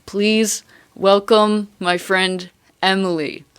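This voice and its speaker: A woman's voice: medium pitch, flat delivery, slow, a bit bright, smooth. A young woman hosting a casual interview chat, with a playful, mock-formal, dryly joking way of talking. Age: young adult. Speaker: host.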